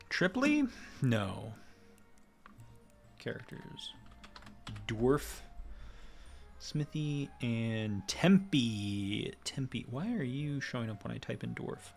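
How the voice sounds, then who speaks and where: A man streams a video game, casually thinking aloud and muttering to himself between bursts of exclamation in live gameplay commentary. His voice is mid-range with vocal fry.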